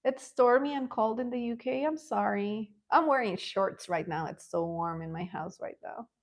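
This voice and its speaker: A middle-aged woman from Ecuador hosts a livestream, chatting casually and answering comments while she colors. Her voice is a little high and her pace moderate, and she often laughs and rambles.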